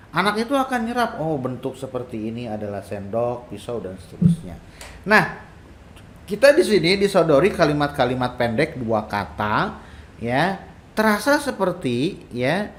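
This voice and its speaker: A man teaching Arabic in a casual online lesson, explaining patiently and drawing out example phrases slowly. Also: fairly high pitch.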